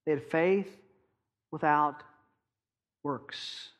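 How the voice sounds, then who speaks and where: Here a man with a fairly high-pitched voice preaches a sermon at moderate speed. He leans on key phrases and puts pointed rhetorical questions to the congregation.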